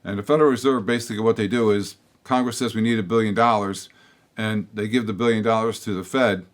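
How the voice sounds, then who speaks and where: Speaking to the camera on his local public-access political show, this older host's voice runs somewhat low, steady and fast. His bluntly delivered monologue keeps restarting and drifting off into asides, and a throat tickle gives him slight hoarseness.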